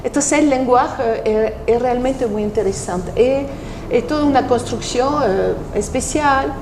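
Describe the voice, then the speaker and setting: A woman from France speaking Spanish with a French accent, calmly explaining her work as an interview guest, with pauses and restarts. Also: on the high side, echoey room, noisy background. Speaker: guest, NLP practitioner. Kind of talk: interview conversation.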